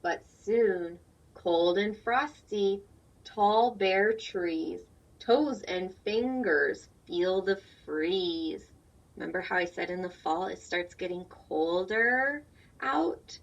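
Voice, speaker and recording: Here a teacher reads a picture book to young kids, keeping her explanations simple and asking her listeners questions. Her voice sits at a medium pitch and she takes her time. The sound is dull and lo-fi, picked up from a distance.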